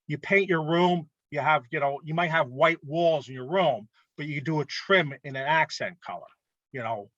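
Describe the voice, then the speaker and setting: A man presenting rules to an art club in a casual instructional talk, often pausing to ask "okay?". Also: fairly high pitch, fairly bright tone, no echo, dull audio. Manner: conversational, frequent "okay?" check-ins.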